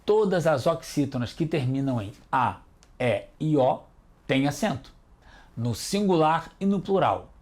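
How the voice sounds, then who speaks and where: Calm guy teaching kids on tv, slow and singsongy, calls them detectives. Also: on the high side. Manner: patient, encouraging, addresses kids as detectives. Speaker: teacher and host. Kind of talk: children's educational TV lesson.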